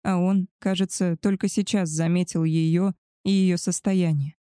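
Woman reading with a low, warm voice. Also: steady tone, a little slow, clear, resonant tone, no echo, studio quality. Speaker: audiobook narrator. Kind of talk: first-person storybook narration.

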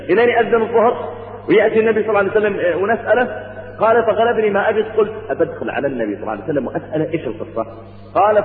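A man's voice: a little high, slight background noise. A man preaching a sermon, retelling a story with dramatic acted-out quotes. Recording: echoey hall on a tinny, lo-fi line.

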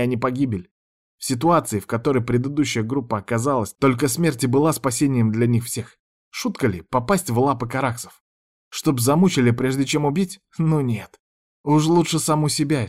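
A man's voice: medium pitch, a little fast, darkish tone, pitched above the performer's own voice, lightly acted. A man voicing a young woman training as a spy, who speaks bluntly and in earnest. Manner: blunt, matter-of-fact.

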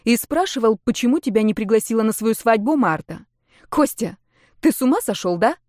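A woman's voice: a little high, lively intonation, a little fast, darkish tone, no echo, clean studio sound, natural voice. A woman voicing a cold, sarcastic middle-aged ex-wife who speaks in a sardonic, cutting way.

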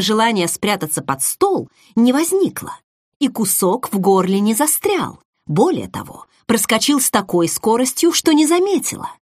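Animated woman audiobook narrator. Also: mid-range voice, husky, dry recording, clean studio sound. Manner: expressive, animated storytelling. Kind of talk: first-person fantasy audiobook narration.

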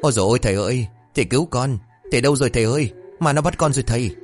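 A man's voice: medium pitch, very fast, soft background music, voice pushed up, close to an everyday voice. A man voicing a panicky young male village fool who yelps frantically. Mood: panicked. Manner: frantic, yelping.

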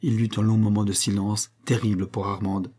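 A male audiobook reader narrating a classic novel at a measured pace. His voice is low and dark, with a husky, slightly breathy texture. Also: little pitch movement.

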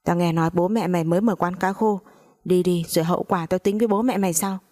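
A woman's voice: on the low side, steady tone, fast talker, warm tone, natural voice. A woman voicing a cruel, domineering older mother-in-law in a spoken story, scolding harshly.

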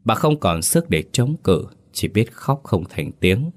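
A man with a very deep, low voice narrates a ghost story. His delivery is steady and dramatic. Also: unhurried.

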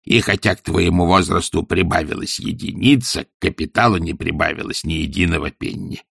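A stingy, scornful old miser who mutters and growls every word, as a man puts him on. The voice is gravelly and low, and it sits close and dry. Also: steady tone, brisk, fairly bright tone, no room sound, exaggerated voice. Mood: grumbling. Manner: muttering, growled and half-whispered.

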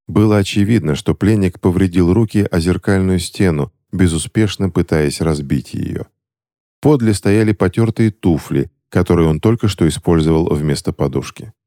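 Low, dark-voiced male narrator. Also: dry recording, clean studio sound. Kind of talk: audiobook narration.

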